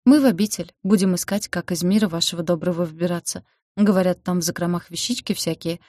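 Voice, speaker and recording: A woman's voice: lowish voice, fast talker, warm tone, no room sound, clean studio sound, close to an everyday voice. Woman as a reserved, level-headed young woman. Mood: restrained. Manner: restrained, matter-of-fact.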